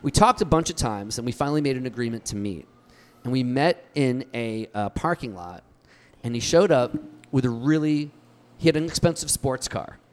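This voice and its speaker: A man's voice: mid-range voice, lively intonation, moderate pace. A man in his fifties telling a long personal story in casual podcast chat, rambling with restarts and acting out what people said. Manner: rambling storyteller, many restarts, acts out quotes. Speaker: podcast guest.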